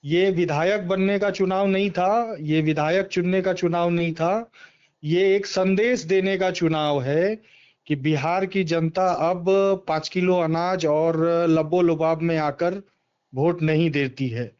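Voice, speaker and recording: A man with a fairly high, steady voice, slow and darkish yet smooth, gives a political interview over the phone. A party member and former election candidate, he speaks emphatically and repeats himself in agreement, and the call sounds dull and band-limited.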